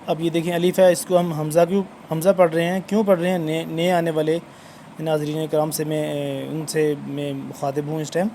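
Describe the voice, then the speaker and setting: A man with a somewhat high-pitched voice gives an online Quran reading lesson. He addresses his viewers formally and repeats words and phrases as he explains letters. Faint background noise and the odd passing vehicle can be heard. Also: warm tone. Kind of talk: online lesson, teaching recitation.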